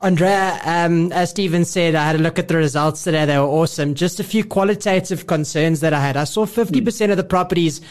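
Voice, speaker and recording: A man's voice: fairly high pitch, brisk, hardly any pauses. A man co-hosting a business interview, asking probing, pointed questions. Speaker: co-host.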